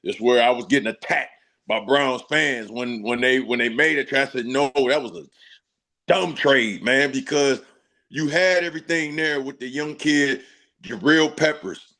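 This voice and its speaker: A man's voice: mid-range voice, moderate pace, pushed and bright. A man guesting on a sports talk show, a former football player speaking in emphatic, slangy casual chat with laughing asides.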